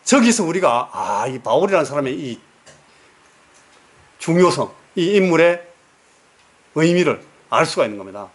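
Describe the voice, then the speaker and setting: A man's voice: a little high, big pitch swings, moderate pace, pauses often, husky. A man preaching a sermon as pastor, telling stories and putting questions to the congregation, repeating words for emphasis. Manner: storytelling, asks the congregation questions.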